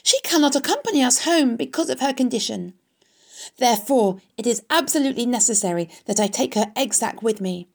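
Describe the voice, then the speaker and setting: A woman's voice: fairly high pitch, animated, a little fast, gravelly, pitched above the performer's own voice. Woman voicing a squealing, frantic young male pig. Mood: urgent pleading. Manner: pleading, wailing, dramatic outbursts.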